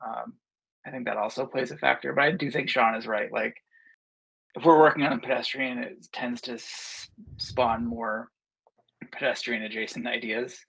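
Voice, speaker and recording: A man speaks as a guest writer in a casual podcast interview. His voice is gravelly and a bit husky. He reasons aloud in halting phrases full of fillers. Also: mid-range voice, fairly even intonation, a bit bright, rough recording. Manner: thoughtful, halting, many fillers. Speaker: guest comic book writer.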